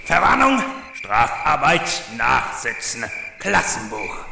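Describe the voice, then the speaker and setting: A man playing a stern, pompous schoolteacher with a gravelly voice, scolding in an audio drama. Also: mid-range voice, huge pitch swings, takes it slowly, exaggerated voice. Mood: irate, scolding. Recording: echoey, noisy scene with insect ambience.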